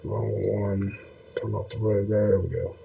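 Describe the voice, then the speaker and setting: A man's voice: on the low side, fairly even intonation, a little slow, vocal fry, warm tone. A man giving casual, rambling video commentary in a folksy, meandering way, with many fillers. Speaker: video host.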